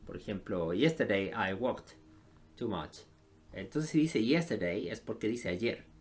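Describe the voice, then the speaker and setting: A man's voice: on the low side, lively intonation, a little slow, a little mellow. A man, teaching an English lesson in a recorded online class. He explains step by step, with many filler sounds, and often checks in with his students.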